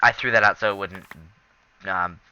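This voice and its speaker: A man hosting a let's play of a game, giving casual, jokey gameplay commentary with quick asides. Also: low-pitched, fairly even intonation, pushed and bright, clean tone, lo-fi sound. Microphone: laptop recording.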